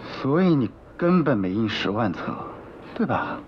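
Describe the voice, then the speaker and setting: An actress playing an excitable, sarcastic shop worker in a comic drama, swinging theatrically between exclamation and deadpan. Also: female voice, a bass voice, a little slow, slight background noise, full character voice. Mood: sardonic. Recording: muffled audio with background music.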